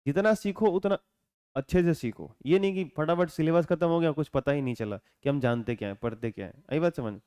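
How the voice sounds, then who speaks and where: A man with a Bihari accent teaching a class, talking calmly and without hurry, often asking the students to answer back. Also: a little high, clean tone. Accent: Bihari Hindi. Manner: calm, unhurried, keeps asking students to answer.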